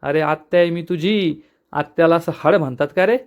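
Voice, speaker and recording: Guy reading for a nasty scheming auntie, sharp-tongued and scolding, smooth voice. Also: a little high, moderate pace, lightly acted. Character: spiteful scheming middle-aged aunt, woman.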